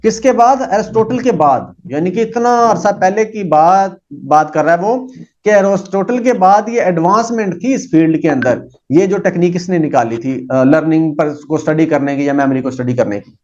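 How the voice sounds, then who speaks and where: A man teaching a psychology lesson. He reads English lines slowly and explains them with many fillers. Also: sits high, animated, darkish tone. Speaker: psychology lecturer. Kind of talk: lecture reading English text and explaining in Urdu-Hindi. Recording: dull lo-fi recording.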